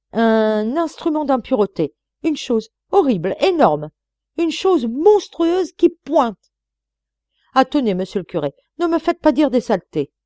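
A woman reading an audiobook and voicing a spiteful, intolerant nun who speaks in a shrill, scandalized, hissing way. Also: mellow, dry recording.

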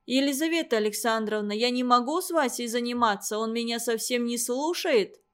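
A woman's voice: on the high side, a little fast, fairly bright tone, clear, resonant tone, natural voice. A woman voicing a sneaky, ringing-voiced boy who is the teacher's pet and whines when accused. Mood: whiny shrill.

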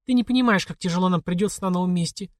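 Audiobook: male reader as a scolding, mocking mother, voice pushed high. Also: very fast, dry recording, clean studio sound, close to an everyday voice. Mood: stubborn. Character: sharp-tongued mother, woman of the wasteland. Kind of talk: audiobook character voice.

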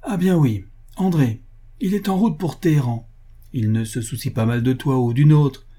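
A man's voice: mid-range voice, moderate pace, mellow, slightly rough, natural voice. A man voicing an old family lawyer and guardian who talks in a blunt, scolding, fatherly way, proud of old nobility.

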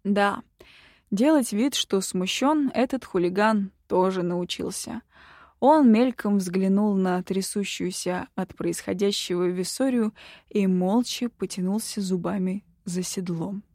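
A woman reads a first-person fantasy audiobook with a mellow, warm tone. Her delivery is calm and even, like a practiced storyteller. The recording is dry and close, with no room sound. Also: mid-range voice, measured pace, no echo. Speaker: audiobook narrator.

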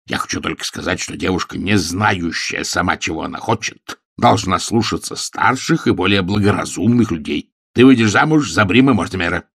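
A man's voice: sits low, animated, normal speed, few pauses, a bit bright, husky, dry recording, clean studio sound, exaggerated voice. A man voicing an irascible older father who blusters and stammers indignantly, in an audiobook reading.

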